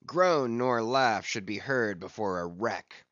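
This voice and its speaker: A brooding old whaling captain, as a male reader puts him on, hurling stern commands and defiance. He speaks slowly and heavily. The sound is dry and muffled, like a lo-fi audiobook. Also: on the low side, lively intonation, a bit bright, no room sound. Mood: scornful. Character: grim obsessed older sea captain. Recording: dull lo-fi audiobook recording.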